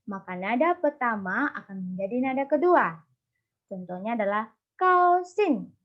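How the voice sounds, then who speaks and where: A young woman teaching Mandarin tones online, explaining patiently step by step with many fillers over a video call. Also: a little high. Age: young adult. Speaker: Mandarin tutor. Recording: dull lo-fi video call audio.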